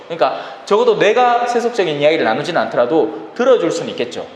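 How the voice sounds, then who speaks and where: Lively priest lecturing in an echoey hall. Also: male voice, sits high. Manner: lively and conversational, addresses listeners directly; acts out everyday people in quick voices. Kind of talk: Bible lecture in a sermon manner. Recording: roomy reverberant hall with faint ambient noise.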